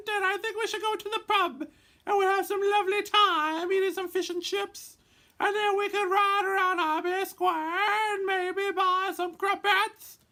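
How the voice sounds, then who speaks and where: A man putting on a bad British accent, playing a cheery gentleman in a high, sing-song voice, heard from a distance. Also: heavily acted.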